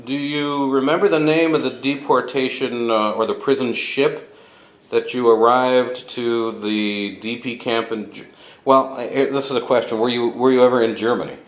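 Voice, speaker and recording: A man's voice: mid-range voice, fairly even intonation, normal speed. A man interviewing two older men, stumbling over his questions and repeating their answers back. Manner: hesitant, restarts questions, echoes answers back. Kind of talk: informal interview.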